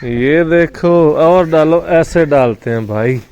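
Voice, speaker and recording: A man's voice: fairly high pitch, slow pace, a little mellow, clear, resonant tone, lo-fi sound. A man hosting a casual pet vlog at an outdoor bird enclosure, instructing a boy as he narrates. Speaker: vlog host.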